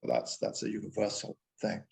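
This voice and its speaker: A man's voice: on the low side, expressive, normal speed, vocal fry, darkish tone. A man with a Glaswegian accent in casual panel chat, reflective and repeating words as he thinks. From Glasgow, Scotland. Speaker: actor.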